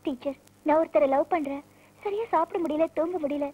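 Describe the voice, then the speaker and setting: A woman's voice: high-pitched, brisk, lightly acted. An actress playing a lovesick young woman who speaks coyly and pleadingly in an old Tamil film scene. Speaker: young woman in love, yoga student. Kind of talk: 1990s Tamil film dialogue. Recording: tinny phone-like film soundtrack with faint music.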